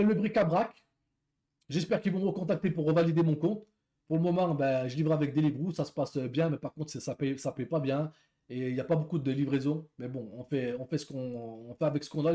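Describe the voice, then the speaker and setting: A man's voice: on the high side, mellow. A man who works as a delivery rider, telling a story in a casual, rambling way, repeating words and talking to viewers as friends.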